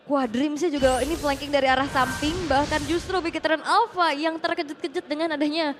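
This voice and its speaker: A woman giving lively commentary as an esports caster. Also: sits high, moderate pace. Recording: loud music and crowd behind.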